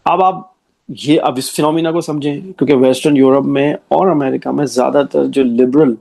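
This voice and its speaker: A man's voice: medium pitch, fairly even intonation, normal speed, vocal fry, darkish tone. A man giving an explanatory commentary monologue, arguing his point with rhetorical questions and frequent check-ins to the listener.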